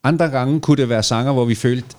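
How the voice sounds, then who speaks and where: A man's voice: mid-range voice, a little mellow. A man, a band musician, talking at length in a casual conversation.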